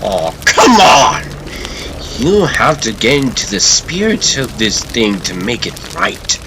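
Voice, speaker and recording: A man voicing a gleefully sadistic, unhinged clown supervillain in a comic dub, theatrical and taunting, lurching between hushed and shrieking. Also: on the low side, big pitch swings, takes it slowly, noisy background. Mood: mock sympathy.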